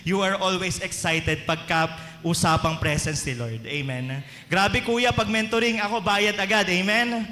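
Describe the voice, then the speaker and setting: Filipino preacher in an echoey church hall. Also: male voice, high voice, measured pace, sharp tone, slight background noise. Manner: mixes Tagalog and English, asks the congregation questions. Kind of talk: sermon. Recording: echoey hall with long reverb.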